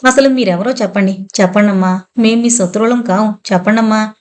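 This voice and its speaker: A woman voicing a timid man who pleads in a polite, gentle way. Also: mid-range voice, fairly quick, lightly acted. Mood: polite pleading.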